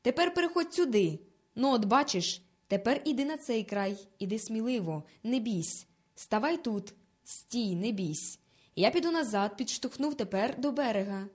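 A fearless, bossy village boy barks urgent orders in a raised, higher voice, as a woman reads him out of a storybook. He sounds firm and in charge, never unsure. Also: animated, normal speed, natural voice. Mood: commanding. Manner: commanding, urgent, pushed loud. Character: bold, bossy peasant boy on ice.

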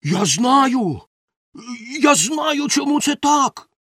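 A man doing a silly, high-pitched helper. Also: animated, a little slow, gravelly, fairly bright tone, no room sound, clean studio sound, exaggerated voice. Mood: excited arguing. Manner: high, sing-song and stammering. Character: silly cheerful male helper, boastful and excitable.

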